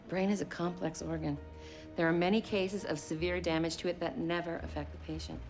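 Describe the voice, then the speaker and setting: Woman playing a quick dry-witted lady doctor, lowish voice, music behind. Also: fairly even intonation, a little mellow, lightly acted. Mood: wry. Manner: dry, wry. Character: wry, brisk female doctor. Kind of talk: period TV drama.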